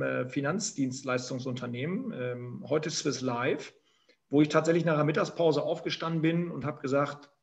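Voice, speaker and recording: With a creaky, medium-pitched voice, this forties-aged guest from Emsland tells the story of his career over a remote call. His northern German accent and frequent fillers run through his interview answers.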